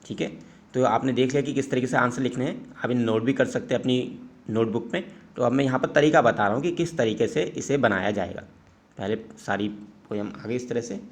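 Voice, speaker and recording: A man with an Indian English accent explains exam answers patiently, step by step. His voice sits at an ordinary middle pitch. He moves easily between Hindi and English as he teaches. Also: brisk. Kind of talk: exam-prep lesson.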